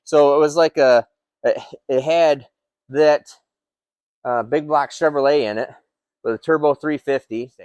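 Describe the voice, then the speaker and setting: A shop owner in his 50s who builds engines walks through a project car in his workshop, full of enthusiasm, fillers, and restarts. He talks a little slowly with long pauses, his voice on the high side and darkish in tone, in a dry recording.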